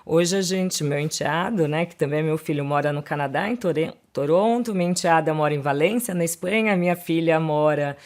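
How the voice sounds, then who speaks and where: A woman's voice: low-pitched, a little fast, hardly any pauses, darkish tone. A woman with a Brazilian Portuguese accent, a lawyer talking fluently as a podcast guest, often adding little tag questions. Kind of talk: casual interview chat.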